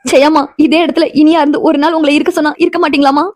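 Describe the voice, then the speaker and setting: Woman doing a young woman in a cartoon who keeps begging, high and quick, dry close sound. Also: steady tone, no room sound, close to an everyday voice. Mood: pleading. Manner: pleading, begging, earnest. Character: young woman Pavithra, desperate and pleading. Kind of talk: cartoon voice acting.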